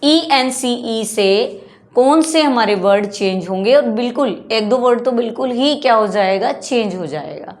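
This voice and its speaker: A woman's voice: fairly high pitch, expressive. A woman teaching English grammar in Hindi, repeating each word and quizzing before giving the answer. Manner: slow, repetitive, quizzing questions then answering them.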